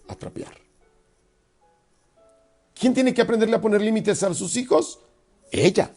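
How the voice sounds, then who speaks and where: A middle-aged man gives an expressive motivational talk, acting out little dialogues. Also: vocal fry. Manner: expressive, acts out little dialogues with sudden pitch swings. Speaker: speaker on emotional self-control.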